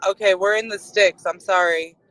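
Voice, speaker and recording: A woman's voice: mid-range voice, fairly even intonation, moderate pace, a bit bright. A woman in a casual chat whose audio keeps cutting out and breaking up over a bad connection. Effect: choppy audio breaking up on a bad connection. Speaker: audio room participant. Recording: choppy distant call audio, faint noise.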